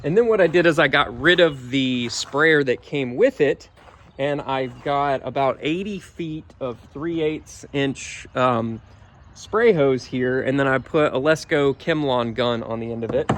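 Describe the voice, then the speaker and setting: Relaxed middle-aged man explaining his yard setup. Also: medium pitch, a little slow. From Georgia, US. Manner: relaxed, rambling with many ums. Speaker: home DIY vlogger. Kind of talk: casual how-to walkthrough. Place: outdoors in a yard.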